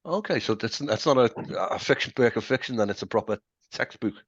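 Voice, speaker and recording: A man's voice: medium pitch, lively intonation, fairly quick, breathy edge, no echo. A man hosting an interview, asking questions between short interjections. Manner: asks questions, brief interjections. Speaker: host, interviewer. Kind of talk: casual interview chat. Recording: dull lo-fi dry sound.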